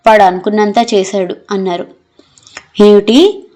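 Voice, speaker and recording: A woman narrating an audio novel in a steady, measured storytelling manner. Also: mid-range voice.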